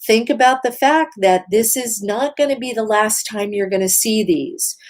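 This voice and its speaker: A woman speaking earnestly through a face mask, giving emphatic, measured advice straight to her listeners in an instructional talk. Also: a little high. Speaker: host giving mental health advice.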